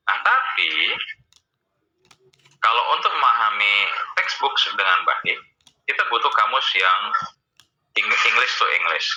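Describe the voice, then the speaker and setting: A man's voice: lowish voice, pushed and bright. A man giving a casual online lecture to students, chatty, with many fillers, over dull lo-fi call audio. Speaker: university lecturer. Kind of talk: online lecture with screen sharing.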